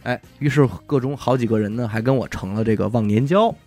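Speaking quickly in a mid-range voice, a man hosts a podcast with soft music playing underneath. He retells a story in relaxed chat, laughing and tossing in "ai" again and again with lively energy.

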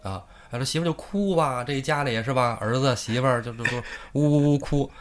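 A man's voice: medium pitch, fast. A man, hosting and telling a comic story in a chatty, joking crosstalk way. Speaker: host.

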